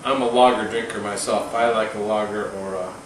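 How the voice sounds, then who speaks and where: A man's voice: on the low side, steady tone, a little fast, loud music behind the voice. A man chatting casually as co-host of a cooking show, bantering like a buddy in a laid-back way. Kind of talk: casual chat. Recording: roomy, distant mic with background noise.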